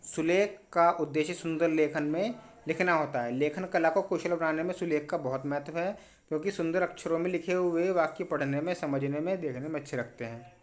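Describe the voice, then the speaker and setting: A man with a slightly raised pitch talks through exam questions in a quick, instructive way. He checks in often with short confirmations and keeps stressing which answers matter. It sounds like a study lesson for students. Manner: brisk, repeats "important" and "ठीक है". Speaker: teacher.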